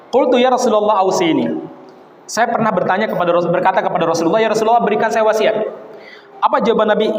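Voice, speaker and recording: A man preaching at a religious study session, quoting Arabic passages and explaining them in a relaxed, chatty way, sprinkled with local words. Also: high-pitched, slight background noise. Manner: quotes Arabic then explains, uses Javanese words. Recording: echoey hall, dull sound.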